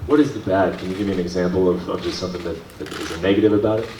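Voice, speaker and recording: A male reporter putting questions at a press conference, building them haltingly piece by piece. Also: deep voice, dark tone. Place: large indoor press conference room. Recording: distant, echoey room with faint noise.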